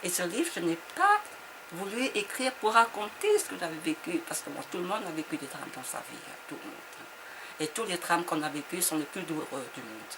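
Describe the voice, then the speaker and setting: A woman author from Vietnam talks in a hesitant, reflective interview, often repeating words as she searches for them. Her voice sits a little low. The recording carries a clear noisy background. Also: sing-song, a little fast. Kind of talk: interview conversation.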